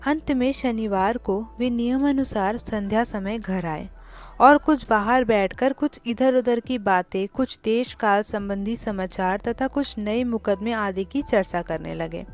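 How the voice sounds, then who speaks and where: Woman, storyteller, scripted story narration, measured, very slow, faint background music. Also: on the high side.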